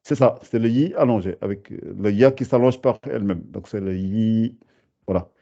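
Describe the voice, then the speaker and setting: Male tutor on a video call, lowish mellow voice, hesitant with fillers, patient, slow over-articulated syllables, muffled lo-fi audio. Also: creaky. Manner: hesitant, many fillers and restarts. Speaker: Arabic teacher. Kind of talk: online beginner lesson.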